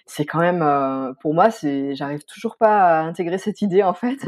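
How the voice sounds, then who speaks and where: A woman's voice: low-pitched, normal speed, a little mellow. A woman in her thirties, a guest chatting casually in an interview, hesitant with many fillers and restarts.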